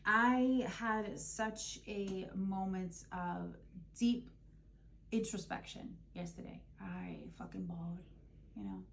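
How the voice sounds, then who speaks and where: A woman's voice: medium pitch, animated, slow pace, a little hiss or hum. A woman giving a casual spiritual tarot reading, emotional and openly swearing, calling her listeners babe and boo. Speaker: tarot reader.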